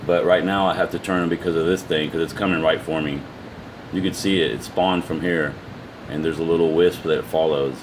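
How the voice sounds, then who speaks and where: A man giving a casual, unscripted explanation to viewers, halting as he goes, often repeating words and trailing off. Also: low-pitched, fairly even intonation, background noise. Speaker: amateur video presenter.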